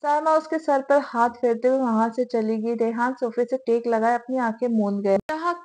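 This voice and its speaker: A woman narrating a romance novel aloud in a steady storytelling manner. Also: a little high, normal speed.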